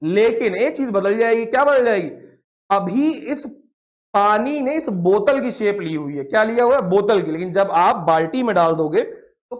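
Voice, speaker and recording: High-voiced, blunt, playful male teacher. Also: expressive, moderate pace, highs cut off. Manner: playful, blunt, quizzes students constantly. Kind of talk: classroom lecture.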